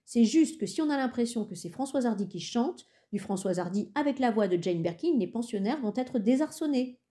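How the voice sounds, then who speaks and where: A woman's voice: fairly high pitch, animated, fairly quick, dark tone, close to an everyday voice. A woman reading a polite, fussy teenage boy. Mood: apologetic. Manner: apologetic, precise.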